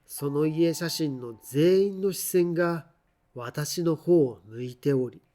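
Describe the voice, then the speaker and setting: A man reading a scripted ghost story aloud in a measured, deliberate storytelling manner, with drawn-out phrases. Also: fairly high pitch, mellow.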